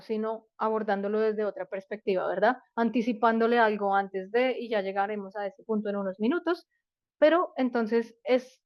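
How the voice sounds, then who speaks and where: A woman's voice: fairly high pitch, no room sound. A woman presenting a live parenting workshop, explaining step by step and often checking in with rhetorical questions. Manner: explanatory, asks rhetorical questions, many fillers. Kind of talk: live online workshop talk. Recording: dull dry lo-fi sound.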